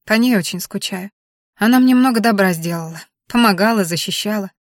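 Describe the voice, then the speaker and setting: A woman reading a first-person audiobook narration in a soft, reflective storytelling manner. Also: mid-range voice, brisk, dry recording, studio quality.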